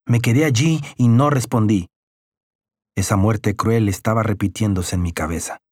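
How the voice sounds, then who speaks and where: A man narrating an audiobook in the first person, with a measured, somber telling. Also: fairly low pitch, darkish tone, no room sound, studio quality.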